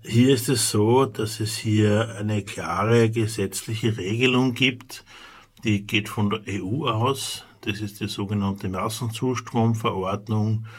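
A man with an Austrian accent, a charity official, explaining in a measured way with frequent hesitations. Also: fairly low pitch. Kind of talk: radio interview answers.

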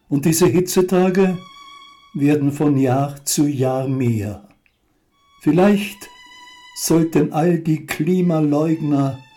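A man in his seventies speaks slowly and deliberately, with a mellow, darker tone. His scripted appeal is earnest and pointed. Soft music plays faintly behind him. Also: on the high side. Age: 70s. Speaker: elderly climate activist.

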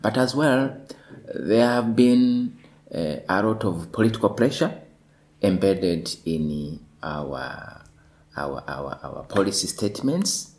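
A man from Tanzania, a lawyer, speaking in a measured way in a discussion and repeating words as he thinks. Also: on the low side, lively intonation, a little mellow, poor audio. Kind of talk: panel discussion.

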